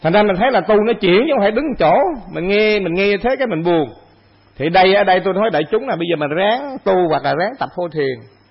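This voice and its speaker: A Buddhist monk teaches an assembly in a high, gravelly voice, posing rhetorical questions and answering them himself. The sound is husky and comes through a dull, lo-fi recording. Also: male voice, animated, fast talker. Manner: conversational, rhetorical questions, repeats phrases. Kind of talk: dharma talk to monastic assembly.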